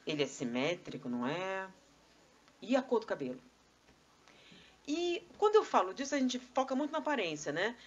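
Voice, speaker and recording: Animated Brazilian woman lecturing. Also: medium pitch, moderate pace, long pauses, highs cut off. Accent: Brazilian Portuguese. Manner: animated, rhetorical questions, conversational asides. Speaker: spiritist lecturer. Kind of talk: live lecture to an audience. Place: spiritist society meeting hall.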